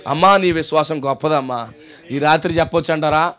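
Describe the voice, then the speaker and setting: A man with a Telugu accent preaching a sermon as a pastor, firing rhetorical questions at the congregation and pausing for call-and-response. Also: fairly high pitch, fairly bright tone.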